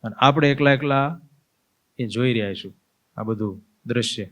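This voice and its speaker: A man's voice: mid-range voice, moderate pace, fairly bright tone. A man, a swami, giving a spiritual discourse as vivid storytelling and acting out scenes. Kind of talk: spiritual sermon.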